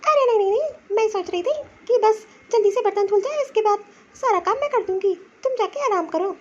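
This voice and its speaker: A woman's voice: extremely high pitch, brisk, darkish tone. A woman voicing a weary, grumbling elderly mother-in-law in a cartoon who mutters complaints to herself. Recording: dull lo-fi sound.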